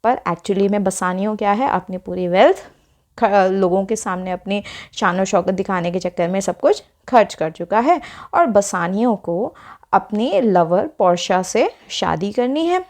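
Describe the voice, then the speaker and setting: A woman teacher explaining a textbook lesson to students at a moderate, middle pitch. She goes through each term step by step, keeps checking in with "okay" asides, and slows down deliberately when she reads the English text. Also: lively intonation, a little mellow.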